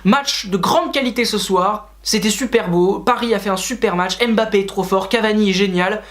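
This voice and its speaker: Guy with a pretty high voice doing a casual football reaction video, venting and sarcastic, talking right to the viewers. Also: normal speed, a bit bright. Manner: frustrated, ranting with sarcastic asides; talks to viewers directly.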